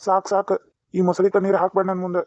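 A man's voice: high voice, completely flat delivery, fast, lightly acted. Man voicing a scornful, angry drunk husband. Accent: North Karnataka Kannada. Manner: shouting, scornful, brusque. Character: angry drunk young husband, harsh, defiant. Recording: dry, dull lo-fi sound.

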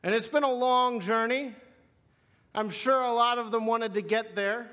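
A man's voice: extremely high pitch, fairly even intonation, unhurried, sharp tone, smooth. A man preaching a sermon, retelling a scripture story in an earnest storytelling manner. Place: seminary chapel. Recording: long hall reverb.

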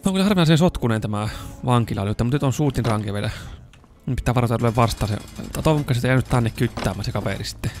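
A young man with a Finnish accent giving casual let's-play commentary, swearing and yelling whenever the game turns dangerous. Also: medium pitch, soft background music. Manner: excitable, swears and yells when in danger. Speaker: gaming YouTuber.

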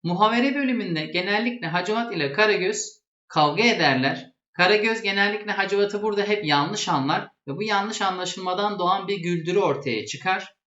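Casting: male lesson presenter, high-pitched voice, didactic and plain, echoey room. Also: a little fast, pushed and bright. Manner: didactic, restating terms plainly. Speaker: presenter explaining traditional theatre. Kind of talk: explanatory lesson. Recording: echoey, dull lo-fi sound.

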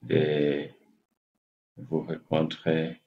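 This health channel host, a Kenyan English native speaker in his forties, sits at desk distance from his laptop webcam in a small room and speaks to camera in a casual way. His very deep voice stays monotone as he goes slowly, haltingly hunting for words, and the recording sounds muffled and lo-fi.

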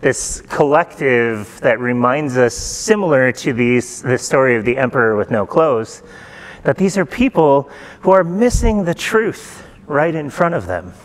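A middle-aged man preaching a sermon in a church, retelling a folktale in a relaxed, conversational way and asking the congregation questions. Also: mid-range voice, measured pace. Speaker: pastor. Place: church sanctuary.

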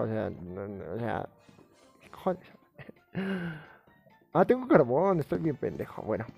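Gravelly-voiced excitable male gamer. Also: medium pitch. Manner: excitable, rambling, swears often. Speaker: streamer. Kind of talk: casual gaming live-stream commentary.

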